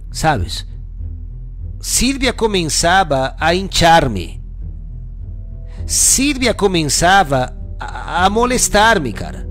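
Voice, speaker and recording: A young man telling his own story casually, repeating himself and often asking the listener "you know?". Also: on the high side. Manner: repetitive, restarts, keeps asking "you know?". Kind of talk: casual first-person storytelling.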